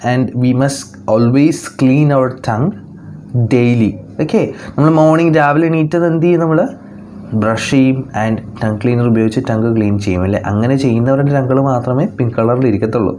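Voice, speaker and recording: A man teaching young children English online, speaking English with a Malayali accent, reading English lines slowly and explaining them in quick Malayalam, and asking questions that he answers himself. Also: medium pitch, dark tone, a little hiss or hum.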